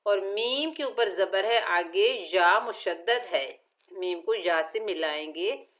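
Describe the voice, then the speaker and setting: A woman teaches Quran recitation one letter at a time, in a slow and methodical lesson. She breaks each word into its letters and vowel marks, then chants the whole word long and drawn out. Her pace stays deliberate throughout. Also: mid-range voice, a bit bright. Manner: patient, methodical instruction.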